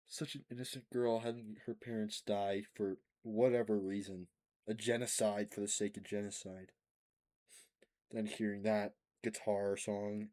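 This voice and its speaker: Over game music, a male streamer pours out emotional, gushing reactions in let's-play style, sometimes voicing the game's text himself. He speaks at a fairly low pitch with a darkish tone.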